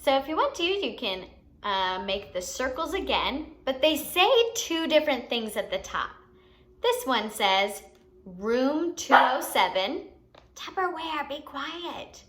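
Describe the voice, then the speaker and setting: A high-pitched, very animated woman with a slightly bright tone speaks at a slow pace while teaching young children. She hosts the lesson with simple, expressive explanations and questions aimed at the listener.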